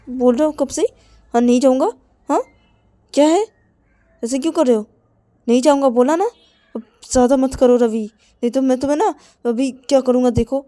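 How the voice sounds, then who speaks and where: A woman voicing a hot-tempered young man who angrily refuses and threatens, in a repetitive, shouting manner. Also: medium pitch, no room sound, close to an everyday voice.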